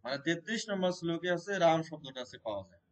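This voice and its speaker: A man with a fairly high-pitched voice leads a devotional scripture class. He explains step by step, repeats himself and keeps asking the listeners whether they follow. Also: lively intonation, rapid-fire, low-quality recording. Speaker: Gita teacher. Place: Shiva temple gathering.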